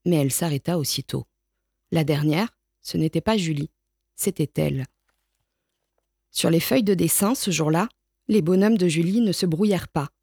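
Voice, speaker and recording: A woman reading a storybook aloud in a calm, measured, unhurried way. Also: on the low side, husky, dry recording, studio quality.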